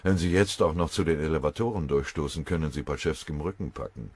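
A worried Soviet staff general hurries through bad news in an audiobook, as a man voices him. His anxious lines come in a husky, low voice. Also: fast, darkish tone, full character voice.

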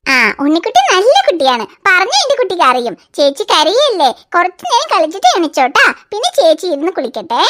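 A woman voicing a young cartoon mother who is patient with her baby and quick to scold the older child. She coaxes in a sing-song voice and turns sharp when she scolds. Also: very high voice, sing-song, full character voice. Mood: soothing. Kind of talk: home-made cartoon voice acting.

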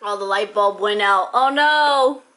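A woman's voice: medium pitch, unhurried, fairly bright tone, low-quality recording. A young woman hosting a casual family vlog at home, playfully chatting to the camera and children. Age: young adult. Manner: playful, giggly. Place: indoors, home living room. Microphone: camera mic a step away.

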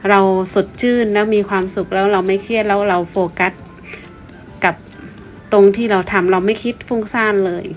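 A woman's voice: medium pitch, fairly even intonation, moderate pace. Thai woman vlogging politely over music. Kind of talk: informal explanatory vlog narration.

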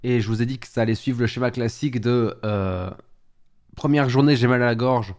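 A man hosting a casual live stream while sick with a head cold, sniffly and stop-start. He talks at an ordinary mid pitch, repeats himself as he goes, and bursts out in exclamations when his gear misbehaves. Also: fairly even intonation, brisk, a little mellow. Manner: chatty, restarts often, exclaims at tech trouble.

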